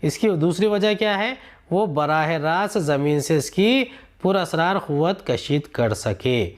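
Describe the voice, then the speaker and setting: A male teacher works through a textbook chapter, reading a passage and then explaining it in plain terms. He stops to put questions to his students. His voice sits a little high for a man. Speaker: Urdu teacher.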